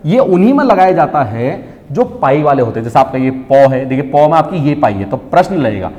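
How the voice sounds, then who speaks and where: A man teaching a Hindi spelling lesson, constantly asking questions and answering them himself, drawing out key words slowly. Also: on the high side, very animated, dark tone, muffled recording. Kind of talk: classroom-style online lesson. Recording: long reverb.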